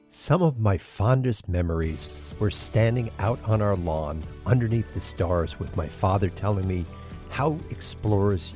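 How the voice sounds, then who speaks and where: A man hosting a podcast, reading a scripted introduction and then asking a guest questions in an earnest, measured way. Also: low voice, darkish tone. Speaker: podcast host.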